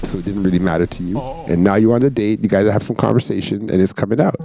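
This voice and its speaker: A man's voice: on the low side, quick pace, vocal fry, music in the background. A man hosting a reaction video, commenting casually on clips with jokes and slang. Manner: joking, laughing, slangy.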